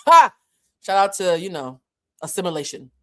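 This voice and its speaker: A French-speaking woman who hosts a channel and comes from Boston tells her viewers a casual story, lively and foul-mouthed, addressing them directly. Her voice sits on the low side and she talks at a normal speed.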